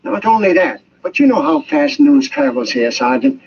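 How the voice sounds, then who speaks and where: An actor playing a fair-minded, official police inspector who speaks deliberately in an old-time radio drama. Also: male voice, extremely high pitch, lively intonation, gravelly, full character voice. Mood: explaining. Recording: muffled, hissy old radio recording.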